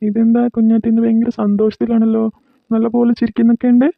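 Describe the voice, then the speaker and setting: A woman's voice: fairly high pitch, completely flat delivery, fast talker, creaky, no echo, narrow, tinny audio. A woman voicing a cheerful, easygoing family father in a cartoon, chatting casually. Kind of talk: cartoon voice acting.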